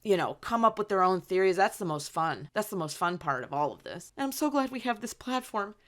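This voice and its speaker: A woman co-hosting a fan podcast, chatty and excitable, swearing casually. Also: mid-range voice, a little fast. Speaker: podcast co-host. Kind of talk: casual chat.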